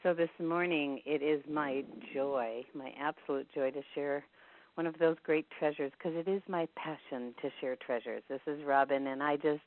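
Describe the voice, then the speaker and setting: A host giving slow, gushing introductions on a teleconference call. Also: medium pitch, steady tone. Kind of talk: teleconference hosting. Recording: tinny phone line.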